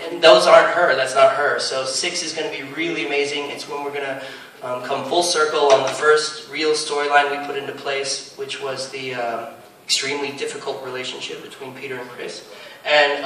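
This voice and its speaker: A man's voice: a little high, sharp tone. A man, a comic book writer on a panel, talking eagerly and rambling, with many fillers and restarts. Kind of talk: casual panel talk. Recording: echoey hall, speaker far from mic, faint noise.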